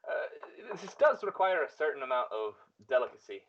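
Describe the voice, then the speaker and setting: A man's voice: mid-range voice, very animated, fairly bright tone, lo-fi sound, slight background noise. A man playing a guarded college employer. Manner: measured, hesitant. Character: discreet male college employer.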